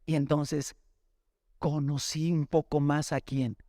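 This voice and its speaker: His high, clean-toned voice is expressive and moderately paced, carrying a Mexican Spanish accent. As a pastor he preaches a sermon from his own testimony, conversational and story-like, repeatedly calling listeners brother, in a dry, clean studio recording.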